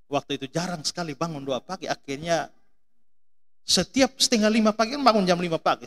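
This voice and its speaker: A middle-aged man from Indonesia preaching a sermon, telling stories and firing questions at the congregation. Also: high voice. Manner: animated storytelling, mimics voices, asks congregation questions. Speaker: pastor.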